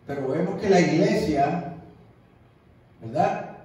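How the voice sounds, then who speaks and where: An evangelist preaches a sermon with emphasis, repeating his words for stress. His voice is on the high side, mellow, and lively in intonation as he takes it slowly, recorded by a distant mic in an echoey room.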